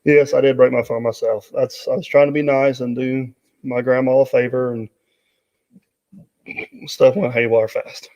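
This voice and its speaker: A man's voice: medium pitch, little pitch movement, moderate pace, mellow. A man hosting a casual live stream, rambling with many fillers and reading out viewer comments. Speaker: host. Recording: dull audio with long reverb.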